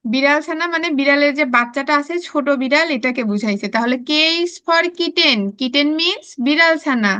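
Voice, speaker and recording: A woman with a Bangladeshi Bengali accent teaching a preschool class, spelling words out slowly and coaxing the children to repeat after her. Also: high voice, pushed and bright, highs cut off. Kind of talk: classroom lesson, spelling aloud.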